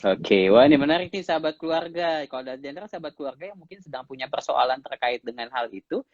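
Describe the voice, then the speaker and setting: A man's voice: medium pitch, lively intonation, quick pace, dry recording. A man from Indonesia hosting a live-stream interview, summing up and asking long questions. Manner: sums up and asks long questions. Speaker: host. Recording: dull lo-fi live-stream audio.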